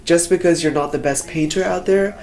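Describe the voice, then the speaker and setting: A young adult singer-songwriter from Hong Kong talks in a relaxed, casual way during a documentary interview, filling his speech with "like." His voice is a little high and fairly quick.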